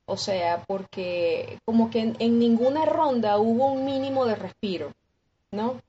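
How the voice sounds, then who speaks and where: A Venezuelan woman with a Venezuelan accent, a guest musician recounting her story in an interview with lively acted-out dialogue and frequent restarts. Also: a little high, measured pace, highs cut off, slight background noise. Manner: expressive, acts out quoted dialogue with many restarts.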